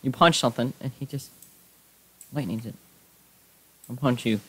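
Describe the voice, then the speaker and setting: A young man giving casual gameplay commentary, excitable, yelping when things go wrong. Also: mid-range voice, moderate pace, slightly rough, no echo. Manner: excitable, yelps and shouts when startled. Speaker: Minecraft YouTuber.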